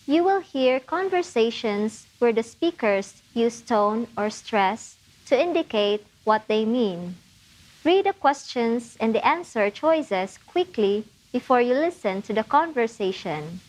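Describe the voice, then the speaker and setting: A woman narrating a test preparation lesson, explaining answers clearly and encouragingly. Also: fairly high pitch, darkish tone, rough recording. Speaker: test prep instructor. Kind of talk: scripted teaching narration.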